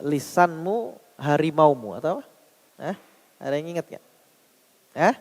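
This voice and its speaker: A male Islamic preacher with an Indonesian accent, giving a sermon, questioning his listeners and repeating key phrases slowly for emphasis. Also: a little high, expressive, darkish tone. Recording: long hall reverb.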